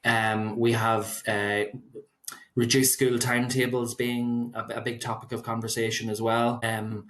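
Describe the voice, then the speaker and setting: A man's voice: medium pitch, little pitch movement, measured pace, a bit bright. A man with an Irish accent giving conversational interview answers as an expert, explaining point by point. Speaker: solicitor, guest expert.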